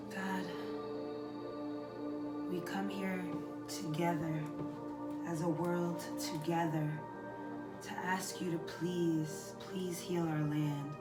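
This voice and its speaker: A woman's voice: on the low side, steady tone, slow pace, pauses often. A young woman hosting a faith and fitness challenge, praying earnestly and encouraging listeners while she holds a wall sit. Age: young adult. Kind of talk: spontaneous prayer and workout encouragement. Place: small indoor room at home. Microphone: camera a few metres away. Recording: echoey room far from mic, loud music behind. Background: meditation music.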